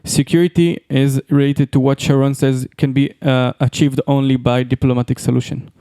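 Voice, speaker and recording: A man's voice: medium pitch, little pitch movement, normal speed, mellow, clear, resonant tone, no echo. A man from Israel with an Israeli accent, giving conversational political answers as a panel guest.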